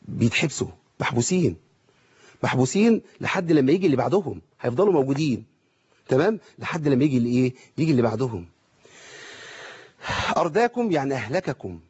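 Husky, fast-talking Egyptian teacher. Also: male voice, mid-range voice, sing-song, a little mellow, dull audio. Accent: Egyptian Arabic. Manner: asks rhetorical questions, demonstrates pronunciation slowly. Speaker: Quran recitation teacher. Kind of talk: televised lesson.

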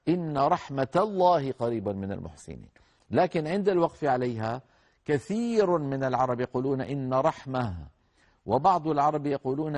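A man teaching tajweed, explaining rules to students and chanting verses slowly to demonstrate correct pronunciation. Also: mid-range voice, a little mellow. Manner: addresses students directly, correcting common mistakes. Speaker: Quran recitation teacher. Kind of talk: tajweed lesson with recited examples.

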